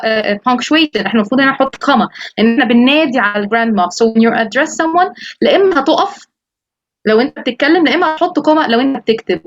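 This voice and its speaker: Woman, Egyptian accent, English teacher, rapid speech, slightly high voice, dull lo-fi call audio, dry sound. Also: no room sound. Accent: Egyptian Arabic. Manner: lively, quotes students in animated voices, switches into English phrases. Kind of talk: online course orientation talk.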